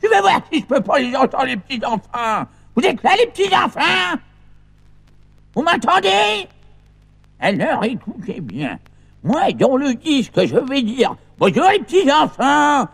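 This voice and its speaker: An actor playing a cheeky old grandfather on a children's record who keeps shouting greetings and jumbles up his stories. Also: very high-pitched, huge pitch swings, normal speed, vocal fry, husky, heavily acted. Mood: insistent. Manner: repeats himself, shouts greetings, mixes up stories. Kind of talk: children's record comic acting.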